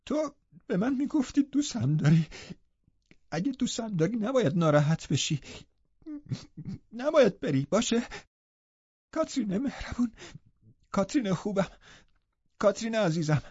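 Sickly, fearful teen boy, begging and sobbing; male reader doing the voice, high and dark-toned. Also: expressive, creaky, long pauses, slightly rough, dry recording, heavily acted. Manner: sobbing, begging, self-pitying. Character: frail sickly teenage boy, fearful and pleading. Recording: dull lo-fi recording.

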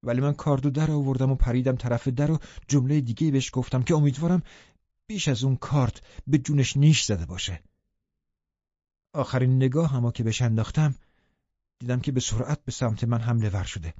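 A man narrating an audiobook in a steady, even storytelling manner. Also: mid-range voice, dry recording, muffled recording. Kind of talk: scripted narration.

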